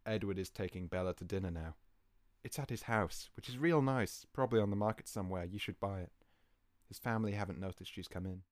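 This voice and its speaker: Man, low pitch, comedy script narrator, casual asides, dry delivery. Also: brisk, no room sound. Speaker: narrator of a comedy screenplay read.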